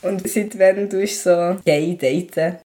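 A young man hosting a podcast, talking calmly and quietly in casual chat. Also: sits high, slow pace. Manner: calm, quiet talker, rises when emotional. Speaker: podcast host.

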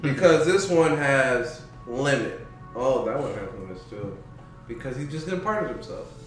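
A man co-hosting a casual podcast, talking in a blunt, excitable, profane way. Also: mid-range voice, a little slow, soft background music. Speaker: podcast co-host. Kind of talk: casual chat. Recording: very echoey room, far from mic.

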